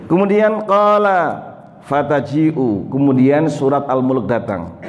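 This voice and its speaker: A man giving a Quran exegesis sermon, telling the story with animated recitation and translation. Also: medium pitch, slow pace, a little hiss or hum. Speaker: preacher. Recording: echoey hall, dull lo-fi sound.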